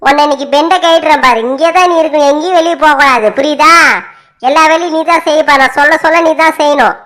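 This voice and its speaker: A woman's voice: high-pitched, steady tone, fast talker, a bit bright. A woman voicing a bossy mother-in-law who scolds and gives orders in a family drama.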